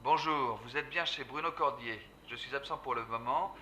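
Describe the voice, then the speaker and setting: A man's voice: medium pitch, normal speed. A man's polite, formal recorded answering machine greeting, heard played back over a phone. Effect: answering machine message heard over a phone. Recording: distant, noisy phone playback.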